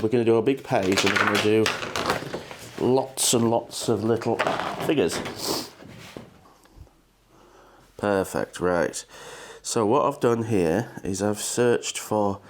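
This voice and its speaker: A man giving a relaxed, chatty watercolour painting demonstration, talking loosely with plenty of ums as he paints. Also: fairly low pitch, slow pace, noisy background. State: a bit shaky from coffee. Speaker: watercolour teacher.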